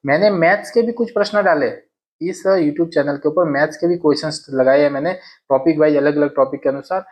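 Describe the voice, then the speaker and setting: A man's voice: on the high side, fairly quick, darkish tone. A man teaching exam grammar in a casual classroom way, repeating each sentence and asking and answering his own questions. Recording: dull lo-fi sound.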